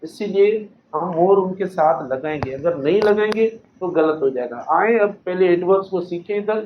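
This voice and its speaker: A man with a Sindhi accent teaching English grammar, patiently explaining and slowly repeating example sentences while quizzing his students. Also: high voice, expressive. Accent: Sindhi-accented Urdu. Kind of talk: classroom grammar lecture. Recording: echoey classroom, dull lo-fi recording with faint noise.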